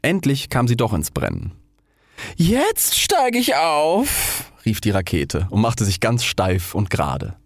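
A man reading a fairy tale aloud in a theatrical, expressive way. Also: lowish voice, moderate pace, few pauses, dry recording, studio quality. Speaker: storyteller.

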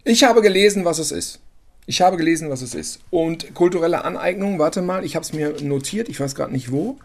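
A man's voice: on the high side, lively intonation, brisk. A man co-hosting a podcast, chatting casually, teasing his partner and searching for words with fillers. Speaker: podcast co-host.

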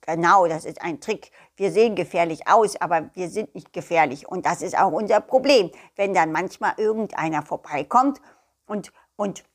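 A woman voicing a friendly talking nettle plant in a children's story, stumbling and repeating words as it explains itself. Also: on the low side. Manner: halting, repeats words, giggly.

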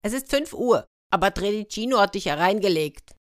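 A woman's voice: medium pitch, lively intonation, brisk, lightly acted. A woman voicing a clever, know-it-all male parrot in a raised, matter-of-fact voice.

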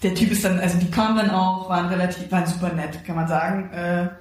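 A woman's voice: on the low side, quick pace. A woman co-hosting a podcast, telling a story casually and acting out the quoted lines of other people. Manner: lively storyteller who acts out quoted dialogue. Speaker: podcast co-host. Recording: very echoey room.

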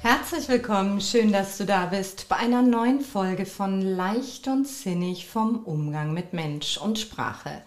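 A woman coach and couples therapist hosting her own podcast, speaking in a measured, reflective way and often affirming herself with a soft "ja". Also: medium pitch, echoey room. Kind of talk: calm solo podcast talk.

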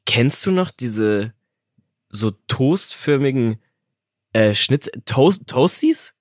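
A young man co-hosting a podcast in casual chat, animated and chatty, swearing often and checking that he is understood. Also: medium pitch, slow pace, no room sound, studio quality. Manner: animated and chatty, swears, keeps asking "you know what I mean". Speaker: podcast co-host.

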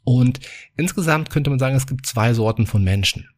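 Relaxed male self-help podcast host. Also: mid-range voice, normal speed. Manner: relaxed storytelling, chatty with fillers. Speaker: podcast host, psychology coach.

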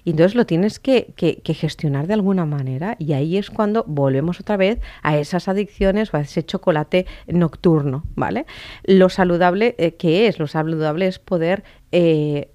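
A woman's voice: low voice, warm tone. A middle-aged woman talking casually and reflectively about emotions, musing as she goes. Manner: reflective, many fillers and restarts.

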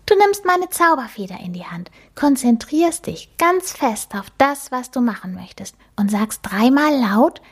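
A woman reading aloud plays a tiny female magic mouse for a storybook, high-pitched and bubbly. She sounds breathy and swings her voice up and down with glee. Encouraging and bright, she speaks at an unhurried, sing-song pace. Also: animated, exaggerated voice. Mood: cheerful.

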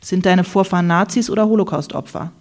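A tactless, blunt man from an online group, read by an audiobook narrator, asking flatly and without tact. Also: mid-range voice, fast talker, close to an everyday voice.

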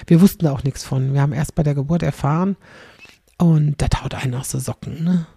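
Chatting in a meandering, story-driven way, a middle-aged female comedian keeps tossing "ne?" at her listener. She speaks a little fast in a low, husky voice that is dark and creaky.

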